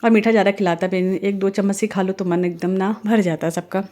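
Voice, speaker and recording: A middle-aged woman from India chats on in a loose, rambling voice-over while she cooks at home. Her pitch sits in an ordinary middle range, and she drifts from kitchen talk into earnest, faith-filled advice. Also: steady tone, fast talker. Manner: chatty, rambling, warm-hearted advice with religious phrases. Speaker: family vlogger and mother. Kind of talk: casual voice-over while cooking.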